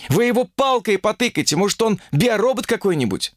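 A man reading an audiobook and voicing an indignant young female graduate student who protests in a shrill, exasperated way. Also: very animated, a little fast, dry recording, clean studio sound.

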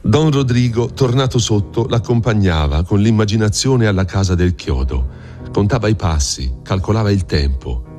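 A man reading a classic novel aloud in a measured, expressive narration. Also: on the low side, over music. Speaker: audiobook reader. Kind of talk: dramatic literary narration.

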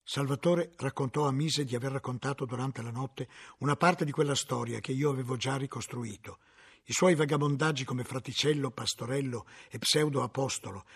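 A man narrating a literary novel aloud in a measured, dramatic reading. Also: medium pitch, breathy edge. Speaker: audiobook reader.

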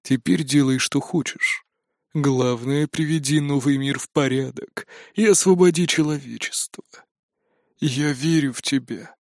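A man voicing a tired, disillusioned male artificial intelligence who speaks slowly and flatly in an audiobook. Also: no echo, studio quality, close to an everyday voice. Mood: weary. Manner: slow, low and tired. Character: weary disillusioned male AI, cold and resigned.

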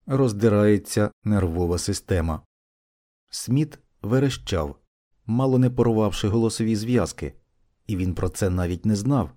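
Low, warm, and mellow, the male narrator's voice carries an audiobook with the measured evenness of scripted storytelling.

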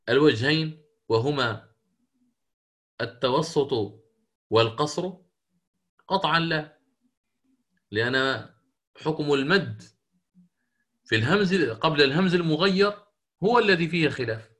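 A man's voice: fairly high pitch, a bit bright. A man teaching Quran recitation rules in an interactive lesson, questioning students and correcting their answers.

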